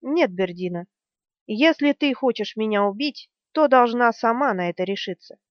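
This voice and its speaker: A woman reading the part of a stubborn, calm young male hero in an audiobook, steady and earnest. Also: a little high, normal speed, no echo, lightly acted. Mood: earnest resolve. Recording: dry, slightly dull studio sound.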